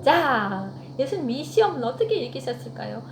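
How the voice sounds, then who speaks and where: A woman's voice: high voice, very animated, moderate pace, gravelly. A woman giving a children's sermon, telling the story with animation and asking the children questions. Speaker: children's ministry teacher. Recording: echoey room with faint hum.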